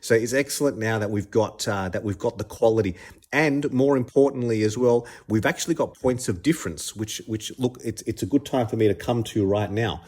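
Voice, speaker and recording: With a fairly low, darkish voice and a fairly quick pace, this Australian podcast host does casual solo commentary. He sounds a little congested from a cold and speaks with enthusiasm, frequently restarting and repeating words.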